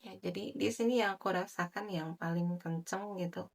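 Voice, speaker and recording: A woman giving a general tarot reading in a soft, chatty way, with many filler tags. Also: lowish voice, moderate pace, gravelly. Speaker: tarot reader.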